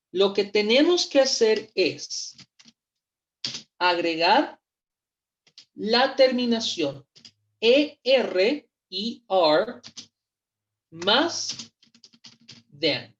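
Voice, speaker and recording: A woman teaching English in in an online class, patient and repeating each word slowly for pronunciation. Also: mid-range voice, dull audio, slight background noise. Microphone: computer mic on a video call.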